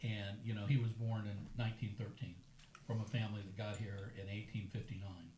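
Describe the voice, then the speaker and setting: An older man with a lowish voice leisurely tells stories at a dinner table. The room is echoey, with a faint hum behind him. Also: a little fast. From United States. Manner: storytelling, relaxed and chatty. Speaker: host. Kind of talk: casual dinner conversation.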